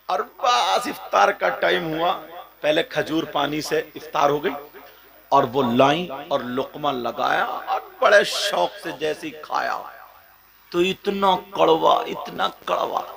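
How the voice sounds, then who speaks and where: A man delivering an emotional religious sermon to a live gathering, questioning the crowd and rising from soft asides to shouted, half-sung passages. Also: sits high, gravelly. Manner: keeps questioning the audience directly. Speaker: preacher. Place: stage before a live gathering.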